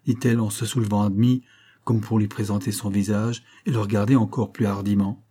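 A man with a low, husky voice narrates a classic novel for an audiobook. His reading is measured and expressive.

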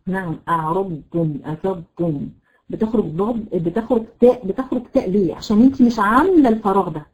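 A woman with an Egyptian Arabic accent teaching Quran recitation, repeating letters slowly to demonstrate and checking on her students by name. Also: on the high side, lively intonation, darkish tone, rough recording. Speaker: tajweed teacher. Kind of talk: live online Quran recitation lesson.

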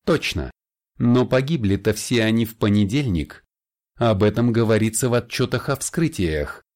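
A man's voice: fairly low pitch, animated, normal speed, a little mellow, voice pushed up, lightly acted. A man voicing an eager male elementalist colleague explaining findings, in a raised voice, in an audiobook.

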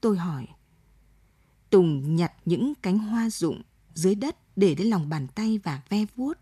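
A woman reads a story aloud in a steady, measured way, her tone dark and mellow with a husky grain. The recording is dry and close, with no room sound. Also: lowish voice, no echo. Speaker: audiobook narrator. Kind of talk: scripted story narration.

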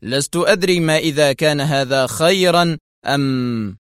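A man's voice: on the high side, dry recording, studio quality, voice pushed up, close to an everyday voice. A man doing a stern intelligence chief. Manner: stern, tense, measured. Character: stern, wary male intelligence director.

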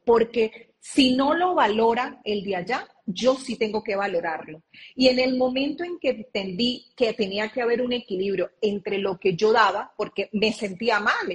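A woman's voice: on the high side, expressive, normal speed. A woman speaking as an interview guest over a video call, earnestly explaining and drawing on her own experience.

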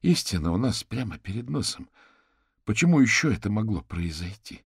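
Man reading a worried female negotiator, urgent, husky, audiobook. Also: fairly low pitch, big pitch swings, normal speed, no echo, clean studio sound, pitched above the performer's own voice, exaggerated voice. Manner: anxious, urgent. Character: tense female police negotiator on phone.

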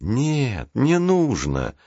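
A man's voice: medium pitch, huge pitch swings, extremely slow, mellow, no room sound, exaggerated voice. A man reading the part of a kind, obliging woman assistant, in a dry, dull recording. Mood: helpful.

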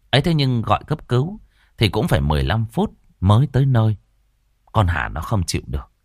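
A male storyteller, his voice low-pitched and husky, swinging widely in tone as he narrates a horror tale. The recording is dry and close, with faint music underneath. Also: dry recording. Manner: expressive, theatrical delivery.

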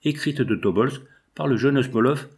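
A man giving a scripted, measured literary narration of a classic novel as an audiobook reader. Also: medium pitch.

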